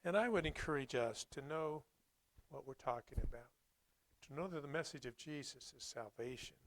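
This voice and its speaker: A man preaching a Sunday sermon, reading scripture and commenting on it in a plainspoken, reflective, halting way. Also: mid-range voice, slight background noise, rough recording.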